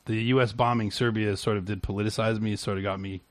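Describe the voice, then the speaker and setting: A man hosting a casual interview who talks in a rambling, halting way with frequent restarts and bursts of laughter. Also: lowish voice, little pitch movement, no room sound. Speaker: podcast host.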